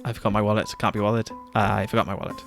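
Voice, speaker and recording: A man's voice: on the low side, level tone, rapid-fire, gravelly, soft background music. A man streaming a game, chatting casually, laughing often and reading game text aloud. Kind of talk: casual gaming commentary.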